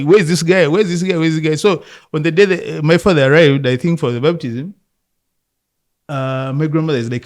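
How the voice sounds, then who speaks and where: Reflective Ugandan man telling stories. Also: a little high. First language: Luganda. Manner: reflective, laughs often, many restarts. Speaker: interview guest, football coach. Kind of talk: relaxed storytelling conversation.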